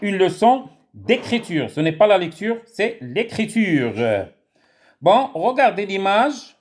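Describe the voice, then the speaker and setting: A man with a Moroccan accent teaches a writing lesson to young children, repeating words slowly so they can echo them. His voice is high and sing-song.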